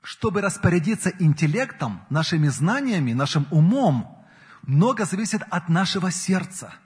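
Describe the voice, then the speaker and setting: Husky man preaching in a hall. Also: high-pitched, very animated, moderate pace. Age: 40s. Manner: earnest, rises and falls in emphasis. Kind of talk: sermon. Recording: long hall reverb.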